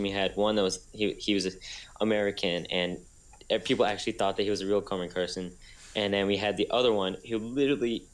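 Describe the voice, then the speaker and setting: A young man co-hosts a casual podcast, telling a story with a somewhat low voice. He rambles, restarts his sentences often and keeps circling back to what he meant to say. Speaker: podcast co-host. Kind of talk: casual chat.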